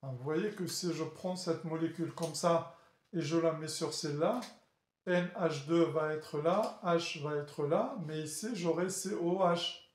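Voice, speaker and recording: A male teacher walks a class through a chemistry lesson, his voice sitting a bit high. He talks slowly, searches for words and often restarts, and keeps checking with the room. The sound carries a clear echo from the classroom around him. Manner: halting, with many fillers and restarts, checking in with the class. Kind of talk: classroom lecture at a board. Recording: echoey room.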